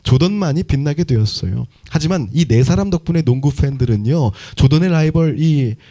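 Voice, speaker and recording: A man's voice: fairly high pitch, lively intonation, a little fast, mellow. A man pastor preaching a sermon in a conversational way, asking the congregation many questions.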